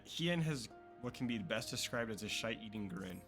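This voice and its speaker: A man's voice: fairly low pitch, lively intonation, normal speed, over music. A young adult man chatting casually as a streamer while playing, reading game text aloud. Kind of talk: casual gameplay commentary.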